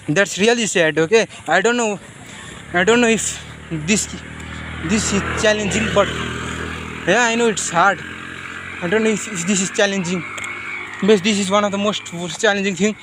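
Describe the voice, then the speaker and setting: A vlogger with a Nepali accent talks off the cuff in a personal monologue, his speech halting and rambling with frequent repeated phrases. His voice is high-pitched with a fairly bright tone, and there's slight background noise.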